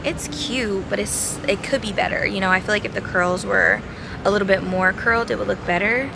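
Young woman vlogger, sassy and chatty, handheld camera outside at night; gravelly edge, city noise behind. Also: medium pitch, steady tone, fairly quick. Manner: chatty, sassy, addresses viewers as y'all and babes. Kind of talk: casual vlog talk to camera. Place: outdoor city terrace at night. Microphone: handheld camera at arm's length. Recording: noisy outdoor city street.

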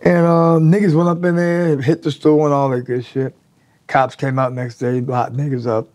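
At a moderate pace, a man in his sixties shares crude, animated stories in a laid-back interview, his voice a touch high for a man. He mimics the people he quotes with lively pitch shifts. The recording was made with him seated in a small indoor studio before a draped backdrop.

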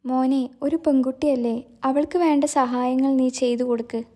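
A woman's voice: high voice, fairly even intonation, moderate pace, mellow. A woman voicing a caring middle-aged mother who worries tenderly about her son. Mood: fretful. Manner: fretful, tender.

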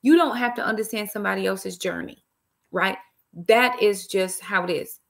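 A middle-aged woman, an author, hosts a casual live stream from a small indoor room, seated in an armchair and talking to her laptop webcam. Her voice is medium-pitched at a normal speed, and she drops in "y'all" and words of praise.

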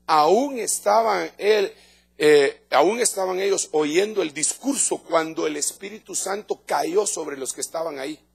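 A man's voice: fairly high pitch, unhurried, vocal fry, slightly rough. A middle-aged man with a Guatemalan accent preaching an evangelical sermon in a church, speaking emphatically and conversationally to the congregation and often repeating his words. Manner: repeats words and restarts phrases. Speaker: pastor.

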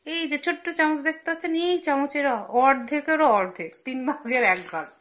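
Standing at a gas stove in her home kitchen, a chatty woman voices over a casual cooking demo for her channel, explaining every step with fillers and side comments. Her high, slightly bright voice is animated and a little fast, with a sizzling pan and slight background noise behind her.

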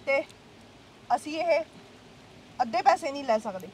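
High-voiced preachy woman healer. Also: big pitch swings, a little slow, a little mellow, a little hiss or hum, rough recording. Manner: preachy, demanding money. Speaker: fake holy healer. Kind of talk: comedic short film acting.

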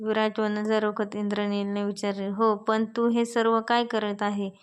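A woman narrating a romantic story as a storyteller, reading every character's lines in her own even voice. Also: medium pitch, moderate pace, clean tone.

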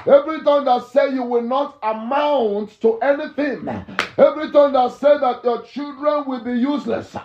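Fervent high-voiced male pastor preaching. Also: fairly even intonation, normal speed, slight background noise. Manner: fervent preaching with repetition, sudden shouts. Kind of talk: sermon and morning prayer. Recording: echoey, dull lo-fi church recording.

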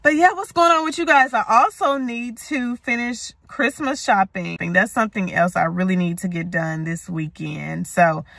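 A woman in her thirties with an American accent chats casually to her viewers as a lifestyle vlogger, informally calling them y'all, from a parked car and a home kitchen. Her mid-range voice is creaky and fairly bright, moving at a moderate pace with hardly any pauses and no echo.

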